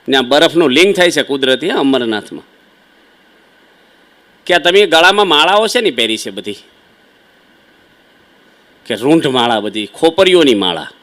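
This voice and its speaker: ગુજરાતી ઉચ્ચારવાળા એક પુરુષ સ્વામી, ઘરગથ્થુ વાતચીતની શૈલીમાં શ્રોતાઓને સંબોધીને ભક્તિભાવભર્યું પ્રવચન આપે છે. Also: male voice, mid-range voice, expressive, moderate pace, long pauses, fairly bright tone. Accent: Gujarati. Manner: conversational, folksy storytelling with asides to listeners. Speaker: swami preacher. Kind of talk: devotional sermon storytelling.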